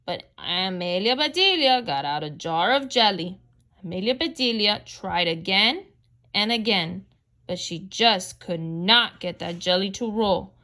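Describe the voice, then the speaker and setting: A woman's voice: medium pitch, lively intonation, measured pace, bright, forceful tone. A woman reading a children's book aloud, announcing each page turn. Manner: announces page turns, chuckles. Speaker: reader.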